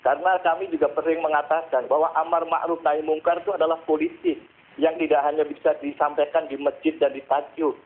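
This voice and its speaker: A man's voice: fairly high pitch, fairly even intonation, a little fast. Man on a tinny phone line, lecturing. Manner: rhetorical questions, emphatic and lecturing. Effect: phone-line caller heard through a call-in line. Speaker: caller to a TV talk show. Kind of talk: impassioned call-in commentary.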